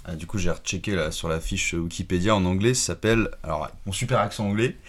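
A man's voice: low voice, quick pace. A man in casual podcast chat about films, rambling with many fillers and restarts. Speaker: podcast co-host.

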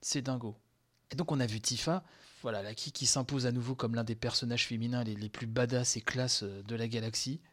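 A man hosting a podcast, reacting live to a game conference, excitable and gushing, with many fillers and sighs, tired from sleepless nights. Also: medium pitch, a little fast. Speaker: podcast host.

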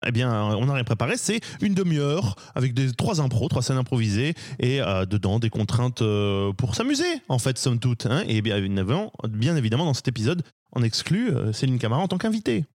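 A man's voice: medium pitch, very animated, a little fast, a little mellow, no room sound, clean studio sound. A man co-hosting a comedy improv podcast, rambling and hesitant. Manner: rambling, hesitant, with lots of fillers. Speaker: podcast co-host. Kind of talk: casual chat.

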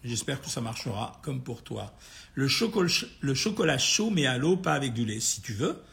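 A man with a gravelly, hoarse, tired voice, informally answering listeners' questions as a doctor in a blunt, familiar way. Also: mid-range voice, big pitch swings, moderate pace, a bit bright. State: tired, a bit worn out. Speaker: doctor hosting a nutrition question-and-answer session. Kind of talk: informal live question-and-answer, reading out comments and replying.

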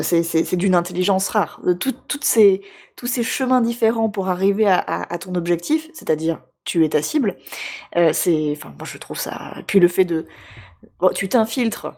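A woman co-hosting a casual video game chat, enthusiastic and chatty, laughing often and filling pauses. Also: fairly low pitch, darkish tone. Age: adult with a job. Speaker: podcast co-host.

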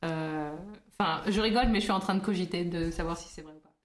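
A woman's voice: on the low side, fast talker, crowd noise. A woman chatting casually as a podcast co-host, rambling with lots of hesitations and restarts. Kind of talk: casual chat. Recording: roomy echo.

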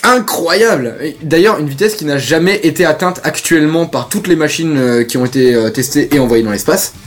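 A man's voice: fairly high pitch, fairly quick. A young man co-hosting a casual podcast, rambling and hesitant with many fillers. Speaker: podcast co-host.

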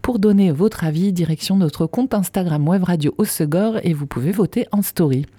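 A woman's voice: fairly low pitch, normal speed, dark tone, slightly rough, no room sound. A woman presenting the new-release music segment on a local radio station, reading a polished, enthusiastic script.

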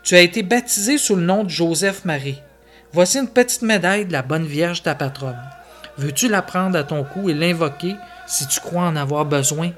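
A man reading the part of a frail, elderly mother gently pleading with her son in an audio story. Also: a little high, moderate pace, faint music behind, natural voice. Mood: tender.

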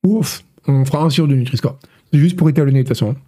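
A man hosts a casual gaming news stream with a hoarse, worn voice. His tone is dark and mellow. He rambles and jokes, stumbling over fillers and restarts. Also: medium pitch, quick pace. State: hoarse from illness. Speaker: host of a gaming news show.

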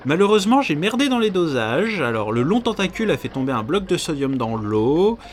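A man hosting a podcast, reading a comic diary in a deadpan, absurd storytelling manner over background music. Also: a little high, a little fast, a little hiss or hum. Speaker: podcast host. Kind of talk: comedic scripted narration as a diary.

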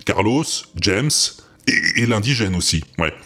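A man's voice: fairly low pitch, expressive, a little slow, gravelly, a bit bright, husky. Chatty, teasing man hosting a podcast. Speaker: podcast host. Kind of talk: casual podcast announcement.

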